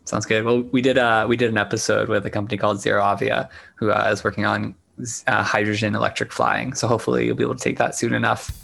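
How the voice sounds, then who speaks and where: A man hosting a podcast, asking friendly, halting questions and reading a closing outro. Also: on the low side, little pitch movement, creaky, a bit bright. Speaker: podcast host. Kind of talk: interview and scripted outro.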